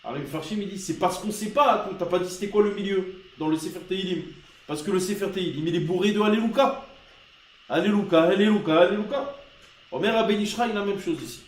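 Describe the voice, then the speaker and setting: A man's voice: high-pitched, fast talker, reverberant, poor audio. A man teaching a Torah class to students, asking rhetorical questions and pressing his points hard. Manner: rhetorical questions, grows loud and emphatic.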